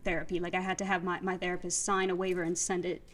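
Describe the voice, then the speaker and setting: Flat-toned woman in casual chat. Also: fairly low pitch, fast. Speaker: therapy student guest.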